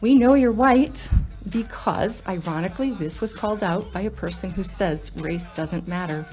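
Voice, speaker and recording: A woman's voice: medium pitch, normal speed, a little mellow, soft background music. A woman giving a formal, pointed and emphatic statement at a board meeting. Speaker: school board director.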